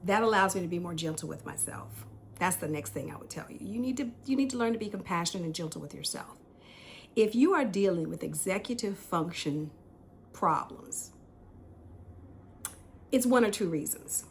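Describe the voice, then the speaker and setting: Candid, laughing woman host, lowish voice. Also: expressive, moderate pace, gravelly, slight background noise. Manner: candid, self-deprecating, laughs often. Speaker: podcast host. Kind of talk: casual tea-time chat.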